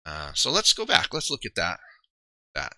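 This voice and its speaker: A man on a live stream, chatting in a loose, rambling way and laughing at his own slips. His voice is very bright and forceful and a bit low for a man. It is recorded dry and close, with no room sound. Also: huge pitch swings, moderate pace, no echo. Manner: rambling, self-deprecating, trails off and restarts. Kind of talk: casual live-stream commentary.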